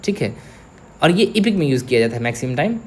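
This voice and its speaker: A man's voice: on the high side, sing-song, fast talker, slight background noise. A young man, teaching an exam-prep literature lecture and checking in often with his students. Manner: explains step by step, checks in with "theek hai".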